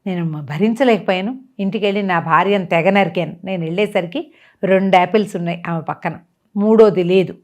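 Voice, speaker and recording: A middle-aged woman telling a dramatic story in a casual talk-show manner, lifting her pitch sharply for emphasis. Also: fairly quick. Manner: animated, swings up in pitch for emphasis. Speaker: storyteller guest.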